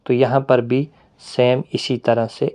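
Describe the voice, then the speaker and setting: A man teaching a Quran reading lesson, explaining patiently with pauses and drawn-out fillers. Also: medium pitch, little pitch movement, mellow.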